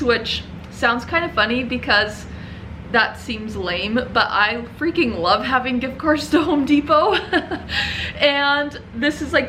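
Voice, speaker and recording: A woman's voice: high-pitched, bright, forceful tone, a little hiss or hum, low-quality recording. A young woman chatting casually to camera in her shop as a vlogger, upbeat and laughing often. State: out of breath. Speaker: vlogger and small business owner. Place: her print shop, indoors.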